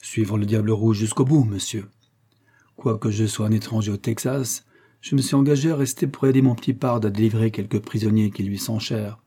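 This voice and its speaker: A man voicing a steady frontier army scout in a read-aloud adventure story, speaking calmly and matter-of-factly. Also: fairly low pitch, a little fast, breathy edge. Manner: calm, matter-of-fact.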